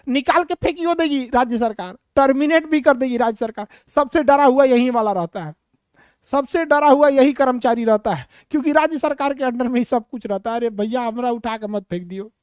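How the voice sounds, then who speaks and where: Woman, classroom teacher, high pitch, dry close sound, asks and answers own questions, teases students. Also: darkish tone, no echo. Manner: rhetorical questions answered aloud; teasing, scolding asides to students. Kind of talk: classroom lecture.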